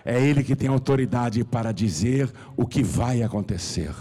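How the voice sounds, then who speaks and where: A man with a Brazilian Portuguese accent preaching a sermon as pastor, his voice swinging from hushed to shouting. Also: medium pitch, moderate pace, big-room sound.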